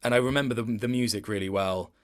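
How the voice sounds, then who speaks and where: A man with a fairly low voice speaks fast as a guest in a casual, reflective interview. He talks thoughtfully, often rephrasing as he searches for the right words.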